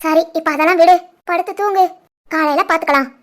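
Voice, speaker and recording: A woman's voice: very high voice, fairly quick. A woman voicing a fierce scolding mother. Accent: Tirunelveli Tamil. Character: protective middle-aged mother, scolding and fierce.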